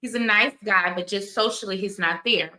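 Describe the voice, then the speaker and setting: With a bright, forceful mid-range voice at normal speed, a forties-aged woman runs her own channel, offering casual commentary and candid anecdotes laced with digressions. The room is echoey and the recording quality is low.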